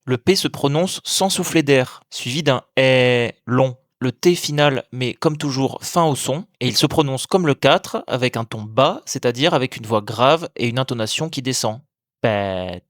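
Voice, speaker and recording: A man teaching language, giving scripted, methodical explanations and slowly sounding out example words. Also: medium pitch, no echo, clean studio sound. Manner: clear, methodical explanations with slow demonstrated pronunciations. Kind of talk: scripted educational narration.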